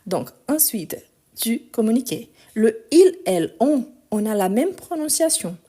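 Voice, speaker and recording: A very animated French teacher with a slightly high, mellow voice keeps a measured pace through her live online grammar lesson. Recorded on a phone, her voice is a bit weak as she patiently goes step by step and spells endings letter by letter.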